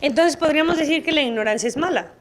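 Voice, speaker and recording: Lively woman lecturing. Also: high voice, fast. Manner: lively, asks the audience questions, playful asides. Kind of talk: public talk with audience questions. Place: auditorium.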